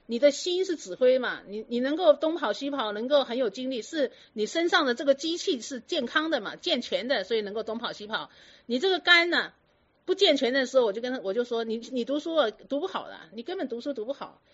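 Higher-voiced woman lecturing with questions. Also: fairly quick. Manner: lively, lecturing, rhetorical questions. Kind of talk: storytelling talk to an audience. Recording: dull lo-fi recording.

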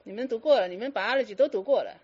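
A woman's voice: fairly high pitch, racing, a little mellow, slightly rough, lo-fi sound. A woman giving a Buddhist dharma talk to students, firing teasing rhetorical questions and slipping in English words. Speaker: Buddhist teacher.

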